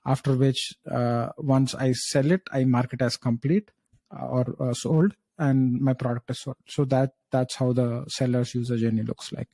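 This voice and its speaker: A man speaking as a job interview candidate, thinking aloud through structured answers with hesitant pauses and frequent checking tags. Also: medium pitch, fairly even intonation, warm tone, no room sound.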